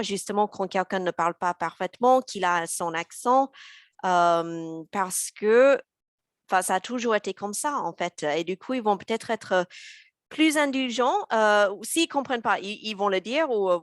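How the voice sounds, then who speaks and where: A woman's voice: mid-range voice, no room sound, clean studio sound. American woman coach with a Mississippi accent. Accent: Southern American (Mississippi) speaking French. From USA. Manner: earnest, many hesitations. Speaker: intercultural coach. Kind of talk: panel discussion.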